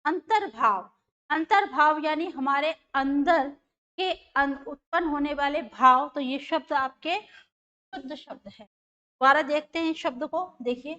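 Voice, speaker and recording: A woman teaches an exam-prep grammar lesson, repeating each word and asking her class questions as she works through it. Her voice sits high and bright. The recording is a bit dull and lo-fi. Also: unhurried.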